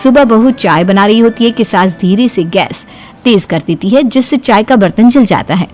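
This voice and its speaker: A woman narrating a cartoon moral story in an expressive storytelling manner. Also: medium pitch, normal speed, faint music behind.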